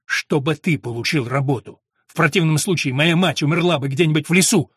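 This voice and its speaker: Guy reading it as a fiery young apprentice mason, husky, spits out his words. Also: a little high, fairly quick, fairly bright tone, no echo, clean studio sound. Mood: furious. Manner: bursting, accusing outbursts. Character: Jack, hot-tempered young male stonemason apprentice.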